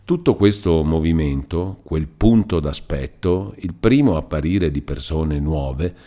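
A man reading a classic novel aloud as an audiobook narrator, measured and expressive. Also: rumbling low.

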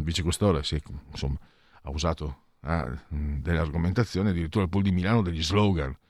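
A man's voice: sits low, no room sound, studio quality. A man hosting a radio talk show, giving opinionated commentary in a hesitant, conversational way full of fillers.

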